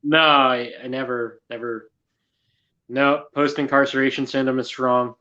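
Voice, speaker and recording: Deadpan man on a dull lo-fi line. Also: medium pitch, measured pace. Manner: dry joking, deadpan. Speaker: live stream guest. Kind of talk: casual live stream chat.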